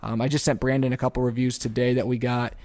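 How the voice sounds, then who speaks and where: A man's voice: mid-range voice, flat delivery, quick pace, a little mellow. A man co-hosting a casual podcast, upbeat, laughing often and restarting his words. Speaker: podcast co-host.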